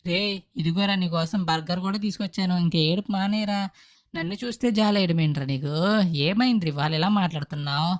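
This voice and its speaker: A woman's voice: on the low side, lightly acted. A woman voicing a caring, cheerful uncle who fusses over and coaxes an upset child. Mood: coaxing. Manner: fast, fussing, coaxing. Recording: game music in background.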